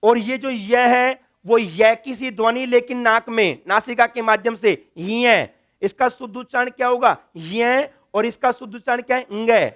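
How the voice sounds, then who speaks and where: A man's voice: extremely high pitch, steady tone, normal speed, a bit bright. A man teaching Sanskrit grammar in a classroom lecture, drilling letters one by one and answering his own questions.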